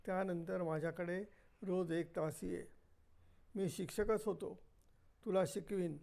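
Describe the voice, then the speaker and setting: A man's voice: sits high, steady tone, unhurried, creaky. A man voicing a kindly old retired teacher. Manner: gentle, encouraging.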